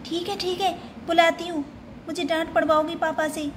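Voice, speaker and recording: Impatient older sister doll, voiced by a woman, high voice, noisy home recording. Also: flat delivery, moderate pace. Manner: scolding, impatient. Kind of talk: doll play storytelling.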